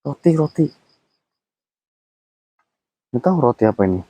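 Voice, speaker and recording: A man, gently coaxing and questioning on location during a casual vlog about a haunted house. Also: medium pitch, sing-song, measured pace, breathy edge, no room sound, poor audio. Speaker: vlogger investigating a haunted house.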